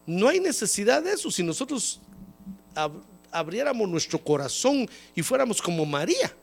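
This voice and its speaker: A man, a pastor, preaching a folksy sermon and calling his listeners "brother". He has a cold, and his voice jumps up high when he acts out quoted people. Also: sing-song, moderate pace, husky. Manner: folksy, repeatedly calls listeners "hermano". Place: church service.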